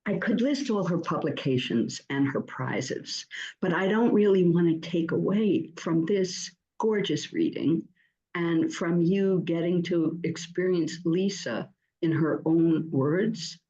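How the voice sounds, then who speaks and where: A woman hosting an online poetry reading, introducing the featured poet with effusive praise and many halting fillers. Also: on the low side, dark tone, muffled recording. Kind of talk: warm spoken introduction, reading quotes aloud.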